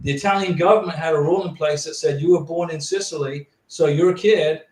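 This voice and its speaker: A man with a fairly high voice hosts a casual livestream. He reads viewer questions aloud and answers them plainly. He sounds set back from the mic in an echoey room, with clear noise in the background. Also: fairly quick. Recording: roomy, distant and noisy.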